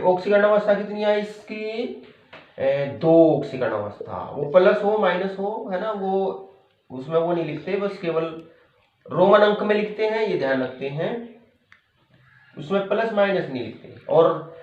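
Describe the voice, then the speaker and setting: High-voiced man teaching in an echoey room. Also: lively intonation, normal speed. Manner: patient, repeats key terms, checks in with "है ना". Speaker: chemistry teacher. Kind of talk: classroom lecture. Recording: echoey room, dull lo-fi sound.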